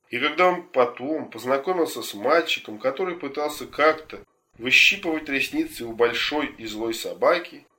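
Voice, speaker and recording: A man narrating a children's story in a gentle storytelling manner. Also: medium pitch. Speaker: audiobook narrator.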